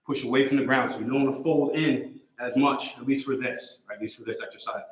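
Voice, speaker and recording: A man coaching a live workout, energetic and encouraging, repeating short cues while a little out of breath. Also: medium pitch, fairly quick. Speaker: fitness coach. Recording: roomy echo.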